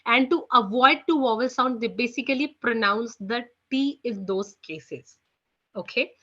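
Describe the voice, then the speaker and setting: A woman with an Indian English accent teaches a beginner French class online, speaking unhurriedly in a slightly bright voice. She often drops "you know" and "okay" between phrases. The audio is muffled and low-fidelity.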